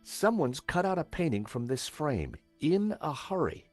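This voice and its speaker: An actor playing a wry, curious American amateur sleuth in a video game, talking conversationally. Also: male voice, a little high, sing-song, a little slow, a little mellow, faint music behind. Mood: intrigued.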